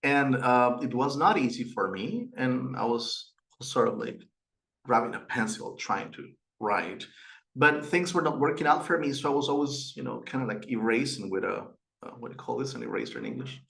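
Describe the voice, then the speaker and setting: A middle-aged Peruvian man, a webinar host and institute director, tells personal stories earnestly in his presentation, using fillers and restarts. His Peruvian Spanish–accented voice is medium-pitched, gravelly and a bit bright, with lively intonation at a moderate pace. The recording is low-quality.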